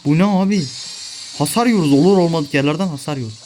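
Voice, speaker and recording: A man's voice: on the high side, fast, darkish tone, a little hiss or hum. A young man giving live gameplay commentary, ranting and swearing at his teammates in frustration. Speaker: gaming video creator.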